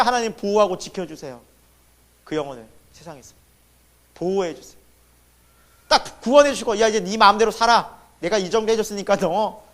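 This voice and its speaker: A high-voiced man preaches as pastor in a church sanctuary, asking the congregation questions and answering them himself. His delivery swings from loud emphasis to sudden hushed drops.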